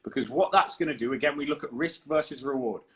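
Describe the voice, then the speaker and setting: A man's voice: mid-range voice, fast talker, poor audio. A man co-hosting a podcast, explaining nutrition in a confident, emphatic coaching manner. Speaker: fitness coach and podcast co-host.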